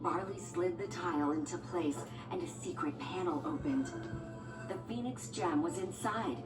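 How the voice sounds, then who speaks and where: Reading a children's storybook aloud from a script at normal speed, this read-along narrator has a lowish voice. Music and sound effects play under an echoey, distant recording.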